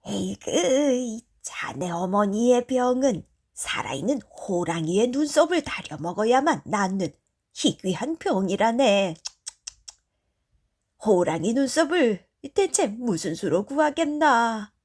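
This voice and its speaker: A woman voicing an old village doctor who speaks gravely with a sigh in a storybook tale. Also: a little high, big pitch swings, slow, a little mellow, heavily acted. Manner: sighing, grave, old-fashioned speech.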